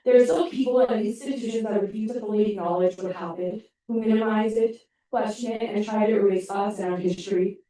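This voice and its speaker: A woman's voice: mid-range voice, steady tone, fairly quick, few pauses, dark tone. A young woman, a sorority president, giving prepared, earnest public comment at a student meeting. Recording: echoey hall, mic from a distance.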